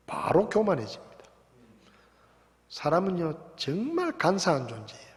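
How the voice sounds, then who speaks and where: A male pastor preaching a sermon, shifting between quiet reflection and loud emphatic passages, recorded in a church sanctuary. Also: fairly high pitch. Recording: long reverb of a church hall.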